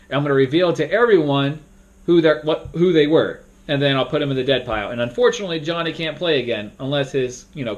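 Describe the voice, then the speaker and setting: A young man casually walking through how to moderate a party game, rambling and now and then bursting into loud acted-out announcements. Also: medium pitch. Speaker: game moderator teaching a tutorial. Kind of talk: casual instructional talk.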